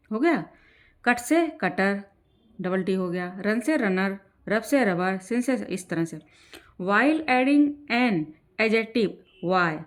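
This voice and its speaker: A woman teaching an exam-prep grammar lesson in Hindi, slowing down when she reads rules aloud and often checking in with "ठीक है". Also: fairly high pitch. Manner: explains in Hindi, slows down to read English rules aloud; repeats "ठीक है" to check in with learners.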